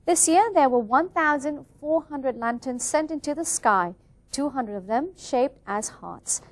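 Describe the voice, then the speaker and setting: A woman reading scripted television news as an anchor. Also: a little high.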